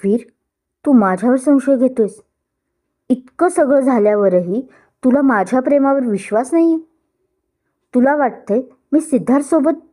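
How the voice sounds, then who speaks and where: A woman's voice: fairly high pitch, animated, a little slow, warm tone. Hurt young bride pleading, read by a woman. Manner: pleading, emotional, raised.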